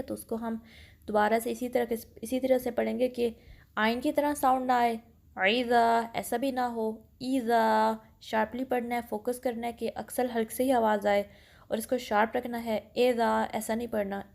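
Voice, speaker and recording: Woman teaching Quran pronunciation, fairly high voice. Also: fairly even intonation, gravelly, a little mellow. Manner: explains step by step, mixing English phrases into Urdu; slowly draws out example words for practice. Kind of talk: online tajweed lesson.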